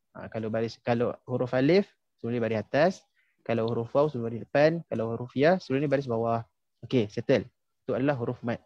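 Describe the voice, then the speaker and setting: A young man from Malaysia teaches tajwid online in a relaxed way, patiently asking his students questions and filling pauses with "ha" and "okey." He has a mellow, medium-pitched voice. The recording has no room sound, and its highs are cut off.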